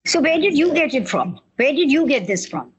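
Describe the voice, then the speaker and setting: A woman's voice: high-pitched, very animated, fairly quick, a little hiss or hum. A woman with an Indian accent hosting a conversational interview.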